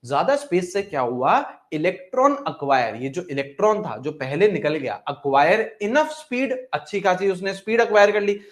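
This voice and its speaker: A man's voice: high voice, lively intonation, normal speed, hardly any pauses. Coaxing male chemistry teacher. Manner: coaxing, repeats phrases, asks and answers students' questions himself; mixes English terms into the talk, calls students "beta". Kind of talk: classroom lecture.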